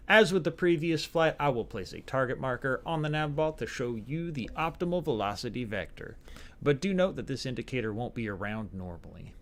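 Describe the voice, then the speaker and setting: A man's voice: fairly low pitch, fairly bright tone. A man voicing a folksy, upbeat male flight-school instructor in a put-on American Southern accent, reading game tutorial text aloud.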